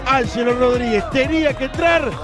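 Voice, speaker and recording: A man with a Uruguayan accent calling football as breakneck goal commentary, shouting excitedly and stretching out the goal calls. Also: extremely high pitch, moderate pace. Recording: music and crowd behind broadcast.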